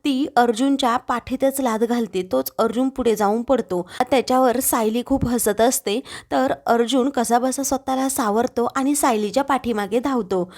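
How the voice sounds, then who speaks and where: A woman's voice: a little high, moderate pace, few pauses, darkish tone. A woman narrating a recap of a TV serial episode, retelling each scene step by step and reading the characters' lines out plainly.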